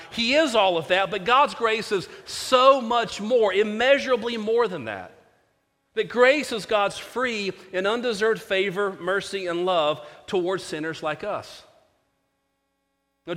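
A man's voice: high voice, fairly bright tone, big-room sound. A man preaching a sermon, telling a story earnestly with frequent restarts and fillers.

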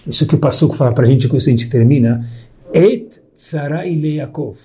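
A man telling a moral story as a sermon, lively and acting out the people in it. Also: mid-range voice, brisk. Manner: lively storyteller, voicing characters in quotes.

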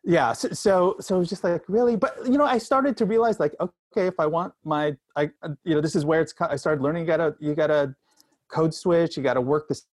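A middle-aged man speaking candidly as an interview guest, telling personal experience in a halting way, often repeating and restarting phrases. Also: on the high side, no room sound.

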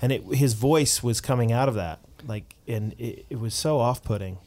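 Animated male pastor chatting. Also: mid-range voice, normal speed. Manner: animated, restarts often. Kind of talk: casual chat.

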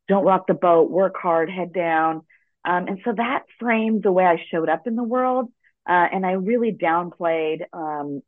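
A woman's voice: sits low, no echo. A middle-aged American-born woman, a guest telling her story in an earnest, reflective way. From United States. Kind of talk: conversational interview. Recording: dry, tinny phone line.

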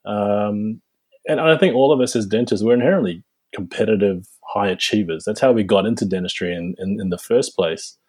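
A man in his forties from New Zealand, a guest dentist answering interview questions in a reflective, halting way with frequent restarts. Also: lowish voice, darkish tone, slightly rough.

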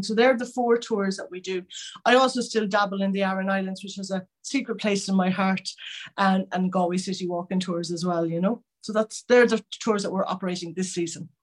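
A woman's voice: medium pitch, flat delivery, a little fast. A woman from Connemara with a west of Ireland accent, giving chatty, detailed interview answers as a local tour guide.

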